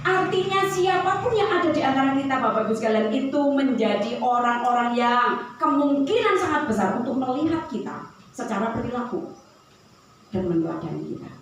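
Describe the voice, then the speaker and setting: A woman preaches in a relaxed, conversational storytelling manner and drifts easily into anecdotes. Her voice rings through a very reverberant church hall. She sounds distant from the mic, with faint ambient noise behind her. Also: on the high side, a little fast. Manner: conversational storytelling, tangents and light laughs. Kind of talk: sermon. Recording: very echoey hall from far off.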